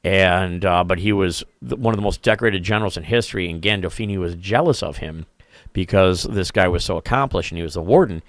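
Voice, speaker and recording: A man's voice: deep voice, fairly quick, dry recording, studio quality. A man hosting a podcast in casual chat, rambling through stories with many fillers and restarts. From Kenosha, Wisconsin. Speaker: podcast host.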